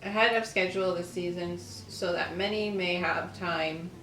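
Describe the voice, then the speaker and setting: A lifestyle video channel host, a woman with a lowish, steady, slightly bright voice, chats casually at a moderate pace and reads aloud from an old newspaper. The room has a roomy echo, with faint music underneath and slight background noise.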